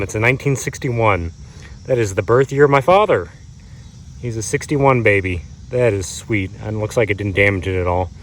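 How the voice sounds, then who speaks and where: This vlogger is a man in his thirties with a lowish voice, casually narrating his metal-detecting treasure hunts. He lets out amazed exclamations at his finds and speaks straight to the audience from grassy, wooded ground, with insects and vehicles making the recording noisy.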